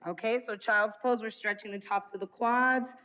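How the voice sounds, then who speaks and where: A woman's voice: a little high, fairly even intonation, normal speed, fairly bright tone. A woman fitness instructor speaking while exercising, guiding a stretching workout with timed breathing cues and encouragement. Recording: long hall-like reverb.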